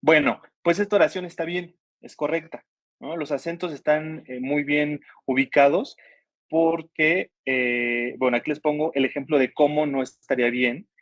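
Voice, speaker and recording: A man's voice: fairly high pitch, steady tone, moderate pace, a bit bright, no echo, highs cut off. A man teaching an online writing workshop, patiently explaining grammar step by step and asking his students questions. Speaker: workshop instructor.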